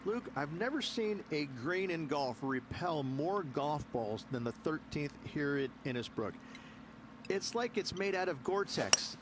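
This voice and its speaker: Male golf analyst, fairly high pitch, conversational and explanatory, noticeable outdoor noise underneath.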